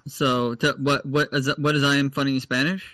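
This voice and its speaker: Bright-voiced man hosting a podcast. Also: mid-range voice, flat delivery, dry recording. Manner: friendly, halting with restarts, asks questions. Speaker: podcast co-host. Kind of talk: casual podcast chat.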